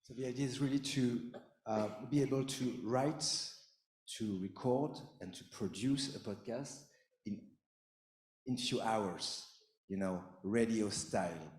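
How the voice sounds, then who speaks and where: A man's voice: lowish voice, a little mellow. A man presenting a podcast workshop at a conference, talking loosely with many fillers. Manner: loose, halting delivery with fillers. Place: conference hall. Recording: roomy hall sound.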